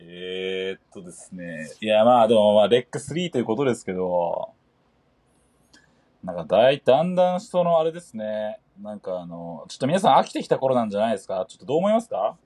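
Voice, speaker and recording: Fast-talking young man with a husky voice. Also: fairly low pitch, sing-song, warm tone. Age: young adult. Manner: quick, exasperated retorts, often laughing. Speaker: podcast co-host. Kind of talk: casual comedic banter.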